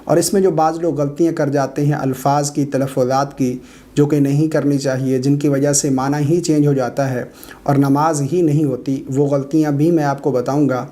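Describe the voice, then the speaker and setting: A man, middle-aged, giving a brisk explanatory online lesson on correct recitation, pausing with drawn-out 'aa' sounds. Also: on the high side, fairly even intonation, dark tone. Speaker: religious teacher of prayer recitation.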